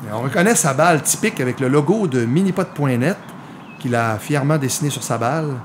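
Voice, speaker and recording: A man's voice: mid-range voice, lively intonation, fast, noisy background. A man with a Quebec French accent giving live golf commentary on a mini-golf match, explaining the play to viewers.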